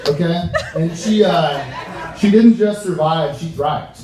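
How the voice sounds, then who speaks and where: A young American man giving an informal wedding toast as best man, halting and joking, with slangy wording. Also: a little high, a crowd in the background. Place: large reverberant room with a reacting crowd. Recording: echoey room, distant mic, audience noise.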